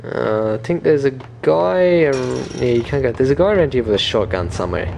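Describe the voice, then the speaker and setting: A man's voice: medium pitch, a little fast, creaky. Chatty young man playing a game. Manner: chatty, jokey, excitable. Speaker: let's play host. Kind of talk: casual gameplay commentary. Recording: noisy home recording. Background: game audio.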